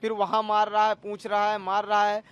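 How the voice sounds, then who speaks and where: A man's voice: high voice, completely flat delivery, normal speed, muffled recording, heavy background noise. A man in his thirties, a cook, pleading his case in a news interview and calling the interviewer sir again and again. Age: 30s. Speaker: cook alleging assault.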